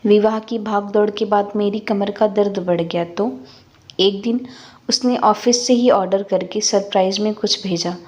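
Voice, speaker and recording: Brief: woman, fifties, calm first-person story narrator, reflective. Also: medium pitch, unhurried.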